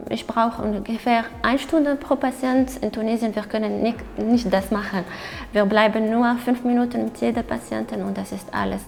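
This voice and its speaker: Female doctor, 30, from Tunisia; high, creaky, halting, in a reverberant hall. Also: fairly even intonation, darkish tone. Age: 30s. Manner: halting non-native phrasing with fillers. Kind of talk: documentary interview.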